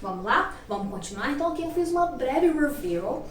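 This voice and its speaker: A woman's voice: high voice, very animated, a little fast, far from the mic, noisy background. A woman teacher with a Brazilian Portuguese accent giving a casual grammar lesson, often checking in with little tag questions. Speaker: English teacher. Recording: echoey room, voice a little off-mic.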